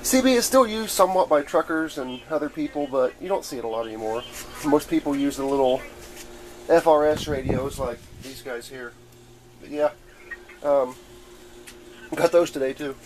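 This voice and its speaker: At normal speed but with long pauses, a medium-pitched man rambles casually through his gadget collection, explaining like an enthusiast. Crowd noise can be heard on the clearly noisy amateur camera recording.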